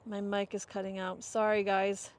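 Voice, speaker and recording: A woman's voice: medium pitch, completely flat delivery, moderate pace. A woman hosting a casual live tour outdoors on a windy hilltop, rambling with many fillers while her mic crackles and cuts out. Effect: mic cutting out with crackly dropouts. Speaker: livestream host. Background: faint wind noise.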